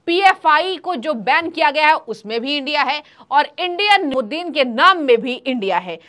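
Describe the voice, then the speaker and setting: A woman anchoring a news show, briskly posing questions to a journalist guest. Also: high-pitched, lively intonation, a bit bright. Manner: brisk, questioning, brief acknowledgements. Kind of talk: news interview hosting.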